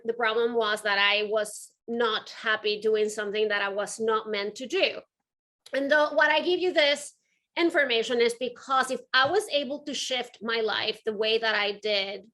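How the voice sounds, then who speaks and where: With a voice on the high side, pushed and bright, a woman with a Venezuelan accent talks conversationally to an audience. She's a guest speaker, an art curator and entrepreneur, and she comes across as earnest and emphatic.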